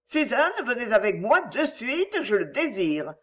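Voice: medium pitch, sing-song, measured pace, fairly bright tone. An audiobook reader voicing a stiff, dignified countess refusing to meet a visitor. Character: stiff proud old countess, cold.

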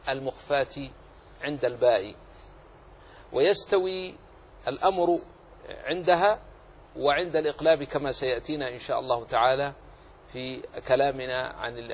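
A man's voice: medium pitch, slight background noise, poor audio. A man teaching a lesson on Quran recitation rules, explaining patiently and repeating key phrases. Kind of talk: Islamic lesson on tajweed rules.

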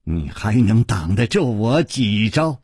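An icy, commanding woman martial arts master from a storybook tale, her husky voice pushed low and hard. She talks down to her opponent in slow, contemptuous words, as a male storyteller puts her on. The recording is close and dry. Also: big pitch swings, a little mellow, no room sound, full character voice. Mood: cold, menacing.

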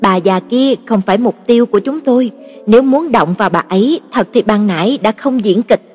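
A woman narrator voicing a sly, mocking female assassin who teases and taunts. The voice is husky, with reverb and music behind it. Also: on the high side, fairly quick. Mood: taunting. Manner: teasing, taunting. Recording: reverberant, with soft background music.

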